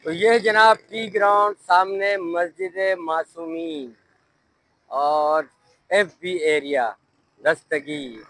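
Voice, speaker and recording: A middle-aged Pakistani vlogger chats casually from inside a car, narrating a driving tour and pointing out sights on city streets. His voice is fairly high and slow, with fairly even intonation and a pushed, bright quality. The low-quality recording has no echo, but car and street noise sit behind him.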